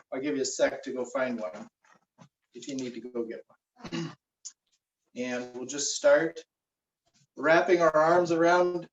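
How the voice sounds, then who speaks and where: A man leading a guided meditation and warm-up stretches, giving slow, relaxed instructions with frequent fillers. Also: a little high, slight background noise. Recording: roomy, distant, dull recording.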